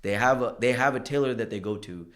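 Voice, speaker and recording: A young man born in India, talking about his clothing brand as a podcast guest in a relaxed, rambling way full of fillers and restarts. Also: medium pitch, quick pace. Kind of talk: casual podcast conversation.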